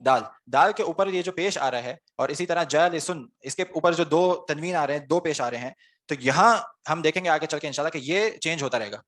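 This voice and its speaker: A man's voice: fairly high pitch, fairly bright tone. Man teaching grammar in a question-and-answer style. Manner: explains step by step, asks students questions and answers them himself. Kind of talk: online class lecture.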